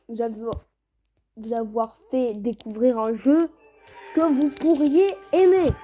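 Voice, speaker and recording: A woman's voice: high-pitched, dark tone. A woman hosting a gaming video, giving casual gameplay commentary and reacting aloud to the play with exclamations.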